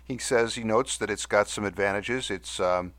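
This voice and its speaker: A man hosting a podcast in a casual, halting, good-humoured monologue, with a whistle on his S sounds. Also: lowish voice, fairly bright tone, no room sound. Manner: halting, with good-humoured self-deprecating asides. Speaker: podcast host. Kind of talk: casual monologue reading listener mail.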